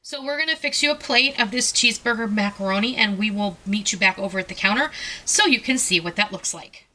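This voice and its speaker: A woman's voice: medium pitch, fairly quick, bright, forceful tone. A middle-aged woman hosting a home cooking tutorial, chatting casually and folksily straight to her viewers from her kitchen. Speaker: cooking channel host.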